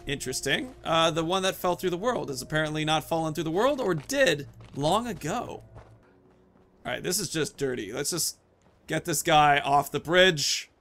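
A man in his thirties streams and hosts a video game session, rambling casually as he plays, thinking out loud and muttering asides. His voice is a little high and a bit bright, with lively intonation at a normal speed.

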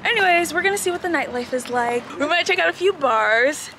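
Woman, travel vlogger, chatty, high voice, phone mic, city street noise. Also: expressive, fairly quick. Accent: Haitian-American. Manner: chatty, upbeat, talks to viewers. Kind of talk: casual travel vlog.

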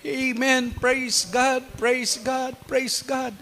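A male pastor with a Filipino accent preaching a humorous, animated sermon and mixing in English phrases. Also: very high-pitched, very slow. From Philippines.

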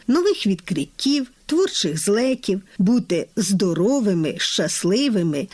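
A middle-aged woman linguistics professor giving a careful language lesson, spelling out words slowly and deliberately. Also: a little high, a little mellow, dry recording. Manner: careful, deliberate articulation, slowing down to list words.

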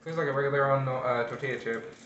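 A man's voice: medium pitch, fairly even intonation, fast talker, fairly bright tone, echoey room, muffled recording, slight background noise. A man in a casual vlog, giving short, understated answers and groaning. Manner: terse, groaning, understated replies. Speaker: friend eating a very hot chip. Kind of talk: casual chat.

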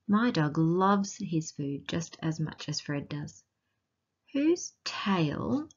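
Slow, husky Australian storytime reader. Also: female voice, sits low, highs cut off. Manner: gentle teacherly questions to young listeners. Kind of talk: reading a picture book aloud to children.

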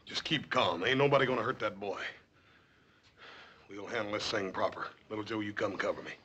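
An actor playing a big, protective, plain-spoken cowboy in a TV western, with folksy frontier talk. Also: male voice, on the low side, a little fast, fairly bright tone, close to an everyday voice. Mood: firm. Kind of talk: TV western drama acting. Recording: dull, faintly noisy old soundtrack.

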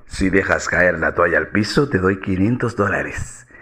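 A man doing a hushed, sleazy neighbor. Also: moderate pace. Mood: suggestive. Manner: low, hushed, suggestive.

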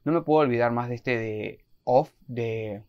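A man's voice: medium pitch, measured pace, smooth, lo-fi sound. A young man with a Rioplatense Argentine accent giving casual reaction commentary, shrieking, laughing and talking straight to the characters on screen. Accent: Rioplatense Spanish. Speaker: reaction vlogger. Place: home room, series audio playing behind.

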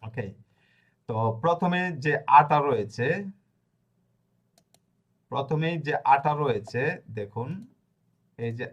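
A man gives a spoken lesson in a plain voice of middling pitch. He goes over each point more than once and pauses to think aloud, so it sounds unscripted and unhurried. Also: animated, dull audio. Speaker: language teacher.

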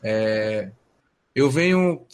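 A man, answering as a podcast guest in a relaxed storytelling way, full of fillers and tag questions. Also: on the low side, drawn-out words, clean tone. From Salvador, Bahia, Brazil. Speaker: guest, musician and music educator. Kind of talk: casual podcast interview answer.

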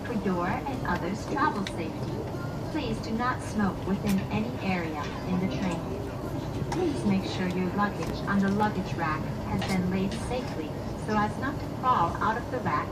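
A woman making a formal, measured announcement over a train's loudspeaker system. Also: medium pitch, lively intonation. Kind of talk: recorded onboard announcement. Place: high-speed train carriage. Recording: distant PA over loud train noise.

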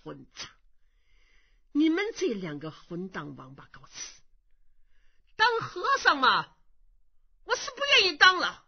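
A woman storyteller voicing a scheming old man who poses as a monk elder, blustering and swearing in a deep growl. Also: huge pitch swings, slow pace, pauses often, heavily acted. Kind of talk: traditional Chinese storytelling. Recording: dull lo-fi recording.

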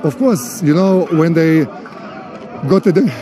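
Man, forties, football coach, halting restarts, handheld mic, outdoor stadium, crowd noise. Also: fairly high pitch. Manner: halting, restarts often, explains tactics. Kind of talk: post-match interview. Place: outdoors at a stadium, in front of a sponsor board. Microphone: handheld interviewer mic. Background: music and crowd noise.

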